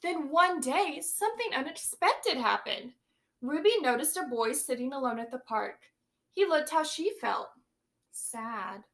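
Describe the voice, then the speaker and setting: A young female teacher reads a picture book to children in a high, bright, clear voice. Her delivery is lively and expressive, yet her pace stays measured, and she pauses to put questions to her listeners.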